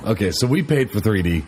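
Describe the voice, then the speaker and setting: A man with a low but very lively voice grumbles and rants with sarcasm on a casual podcast. His pitch leaps around as he complains. A faint noise floor runs beneath the recording. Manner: grumbly, sarcastic, heavy swearing. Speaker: podcast co-host. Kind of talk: casual chat.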